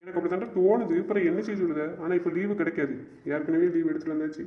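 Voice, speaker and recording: Frustrated and exasperated, a young man in an amateur web drama plays a stubborn, hurt lover, insistently repeating his complaints at a brisk pace. He uses a natural voice that sits slightly high for a man, in a dull, lo-fi recording.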